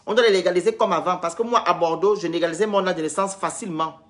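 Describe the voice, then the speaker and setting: A woman's voice: fairly low pitch, fast. A woman from Gabon, scolding and lecturing her viewers in a heated, repetitive live-stream rant.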